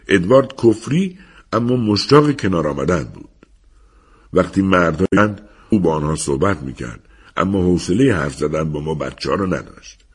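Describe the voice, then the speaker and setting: A man's voice: sits low, breathy edge. A man narrating a story in an audiobook, reading expressively.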